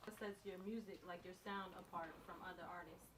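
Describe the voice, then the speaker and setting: A woman interviewing a guest with brief, direct questions and quick acknowledgements. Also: on the low side, steady tone, a bit bright, husky.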